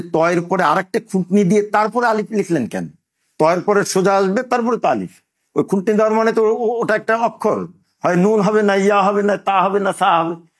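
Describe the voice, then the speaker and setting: A man's voice: a little high, slightly rough. An older man, a madrasa teacher giving an impassioned religious talk full of rhetorical questions.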